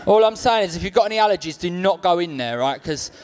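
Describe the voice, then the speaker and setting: A man's voice: high-pitched, animated, quick pace, a little mellow. A man with a South London accent doing live stand-up comedy, chatty and cheeky with the audience in slangy speech.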